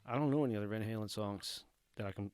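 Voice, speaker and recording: A man's voice: fairly low pitch, fast talker, a little mellow. A man hosting a guitar lesson, talking casually and thinking aloud as he adjusts settings, joking at his own playing. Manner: self-deprecating, thinks aloud while tweaking settings. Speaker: guitar tutorial host. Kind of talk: casual hands-on demo talk.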